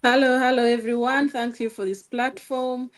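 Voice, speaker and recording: A woman's voice: fairly high pitch, flat delivery, normal speed. Woman guest, upbeat, inviting. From Uganda. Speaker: panel guest. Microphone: video call.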